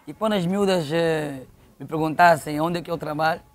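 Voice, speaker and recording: Speaking at a moderate pace in a fairly high pitch, a middle-aged Angolan-accented man tells stories in a conversational way. He is a local football official being interviewed as a guest, and he repeats phrases to stress his points.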